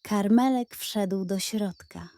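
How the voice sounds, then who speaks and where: Her mellow, fairly high voice carries a children's bedtime story as she reads it gently and expressively. She keeps a slow pace, captured in a close, dry recording without echo.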